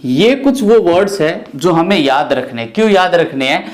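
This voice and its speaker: A man's voice: a little high, lively intonation, normal speed. A middle-aged man, teaching a grammar lesson and stepping through it by asking and answering his own questions. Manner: explains step by step, often asks and answers his own questions. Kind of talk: classroom lecture.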